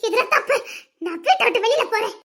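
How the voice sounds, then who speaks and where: Young woman playing a high, bright-voiced defiant wife. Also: very animated, fast talker, exaggerated voice. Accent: Tirunelveli Tamil. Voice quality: tearful, protesting, repeats herself. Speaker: young wife in a family drama. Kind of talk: family drama acting.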